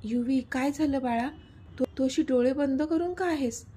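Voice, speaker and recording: A woman voicing a middle-aged mother, soft-spoken, anxious yet stern. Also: high voice, normal speed, lightly acted. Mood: concerned.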